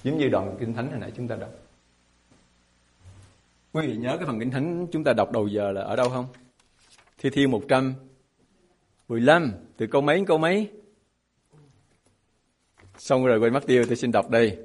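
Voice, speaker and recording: A man's voice: medium pitch, lively intonation, normal speed, pauses often, darkish tone, husky. A man preaching a sermon as a pastor, emphatic and asking his congregation rhetorical questions.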